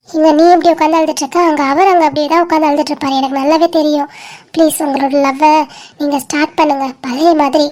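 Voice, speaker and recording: A high-voiced performer as Malar, a bossy caring friend. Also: darkish tone, natural voice. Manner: scolding, insistent, teasing. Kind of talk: dramatic cartoon dialogue.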